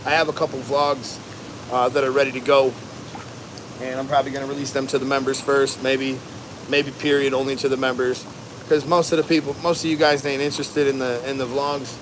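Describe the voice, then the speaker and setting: A man's voice: medium pitch, little pitch movement. An American man livestreaming casually outdoors, talking in a laid-back, rambling, slangy way over wind. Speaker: livestream host, barber. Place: outdoors at home during a windy storm. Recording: noisy outdoors, loud wind and ambience. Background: wind and rushing water ambience.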